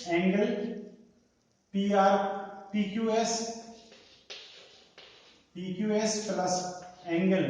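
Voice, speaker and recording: A man's voice: high voice, a little mellow, slight background noise. A man teaching a maths lesson, often asking the class questions and answering them himself. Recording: echoey room, distant from mic.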